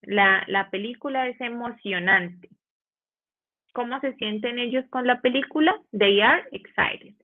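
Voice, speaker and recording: A woman teaching an online English grammar lesson in Spanish with a Colombian accent, slowing down to model English phrases and asking the class rhetorical questions. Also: a little high. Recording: phone-like narrow band.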